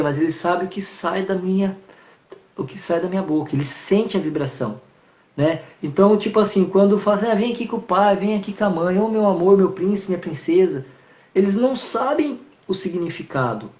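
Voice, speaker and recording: A man, a horse trainer telling stories animatedly in a live-stream conversation. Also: sits high. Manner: animated, storytelling with acted-out greetings. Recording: roomy, dull video-call sound.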